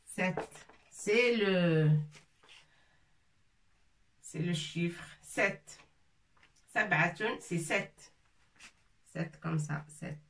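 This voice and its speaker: Woman teacher going real slow, repeats every word, sounds a bit far from the mic. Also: fairly low pitch, fairly bright tone, slight background noise. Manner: patient, repeats words syllable by syllable. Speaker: Arabic teacher. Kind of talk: slow spelled-out language lesson.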